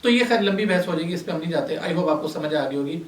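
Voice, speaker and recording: A man's voice: a little high, expressive, fast. A man giving a classroom lecture, explaining step by step and answering his own questions to the class. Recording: echoey room, voice from a distance.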